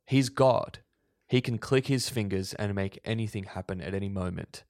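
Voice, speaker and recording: A man with a fairly low voice co-hosts a faith discussion podcast, laying out his points in an earnest, preachy way. The sound is dry and close. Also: moderate pace, a little mellow, dry recording. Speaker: podcast co-host.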